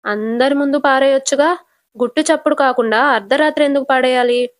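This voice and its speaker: A woman's voice: sits high, brisk, no echo, studio quality, natural voice. A woman voicing a blunt, angry young husband who speaks scornfully and accusingly.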